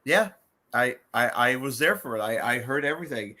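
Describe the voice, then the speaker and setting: A man's voice: mid-range voice, animated, moderate pace, pushed and bright. A man in casual chat, rambling and stammering with lots of repeated words. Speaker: fan voice actor, co-host.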